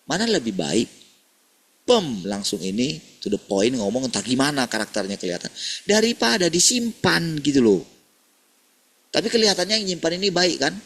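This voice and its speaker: A man's voice: mid-range voice, very animated, moderate pace, fairly bright tone. A man preaching a morning sermon in a casual, conversational way, often calling listeners "saudara" and acting out family dialogue. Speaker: pastor.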